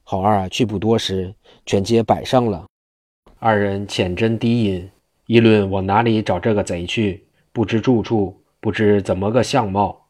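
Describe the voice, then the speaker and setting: A man narrating a classic martial arts novel in steady storyteller style. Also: fairly low pitch, unhurried, dry recording, studio quality.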